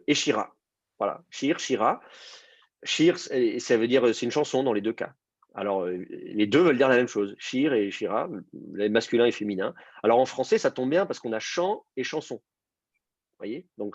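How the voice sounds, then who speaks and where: A man's voice: medium pitch, animated, measured pace, no room sound. Man, teacher, explaining with restarts, dry sound, muffled call audio. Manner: explanatory, with many fillers and restarts. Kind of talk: online class on biblical Hebrew.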